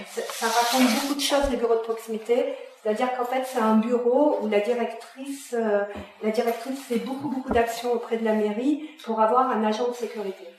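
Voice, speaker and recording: Woman writer talking through her piece, halting and casual, higher voice, distant and roomy. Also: a little mellow, a little hiss or hum. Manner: hesitant, many fillers, restarts. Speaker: writer explaining her dialogue. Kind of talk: casual spoken explanation. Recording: echoey room, voice from far off.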